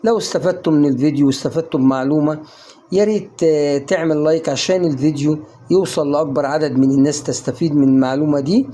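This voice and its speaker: A man's voice: on the high side, fast talker, warm tone, a little hiss or hum. Chatty Egyptian man teaching pronunciation. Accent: Egyptian Arabic. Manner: chatty, coaxing, asks the viewer questions and answers them himself. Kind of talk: casual online lesson.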